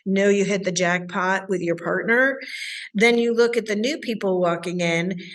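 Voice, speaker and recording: A woman's voice: mid-range voice, moderate pace. A woman relationship coach, a guest in an interview, answering with enthusiasm and acting out the voices of her clients.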